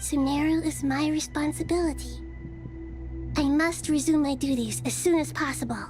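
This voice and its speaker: An actress playing a gentle, earnest young goddess of wisdom in a game. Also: female voice, sits high, fairly even intonation, moderate pace, faint music behind, lightly acted. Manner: soft, earnest, composed.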